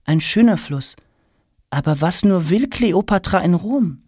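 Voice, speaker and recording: A man's voice: high-pitched, lively intonation, measured pace, darkish tone, no room sound, clean studio sound, pitched above the performer's own voice. A man voicing a curious, hasty schoolboy who asks question after question. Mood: surprised. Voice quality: eager, questioning. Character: curious, hasty schoolboy, polite but impatient.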